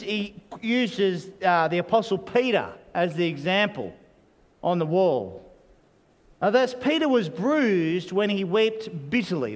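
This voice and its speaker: Pastor in a reverberant hall. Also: male voice, high voice. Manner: conversational, many "you know" asides. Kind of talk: sermon.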